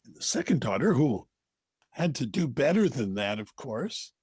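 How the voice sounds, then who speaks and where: A man with an American accent, telling a folktale as a storyteller, deliberate, with dramatic pauses. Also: medium pitch, very animated, darkish tone, breathy edge, no echo, clean studio sound. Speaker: storyteller, co-host.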